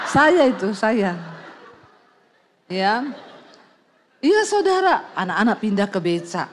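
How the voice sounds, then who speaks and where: A middle-aged woman pastor, preaching through a comic personal story and acting out voices and sounds. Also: mid-range voice. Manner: lively, acts out voices and sound effects, laughs often.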